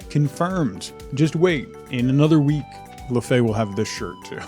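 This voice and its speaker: A man's voice: medium pitch, expressive, moderate pace, dark tone, soft background music. A young adult man streaming a farming game, chatting casually with viewers and laughing often. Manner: chatty, reads and answers chat, laughs often. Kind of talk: casual live-stream chat while gaming.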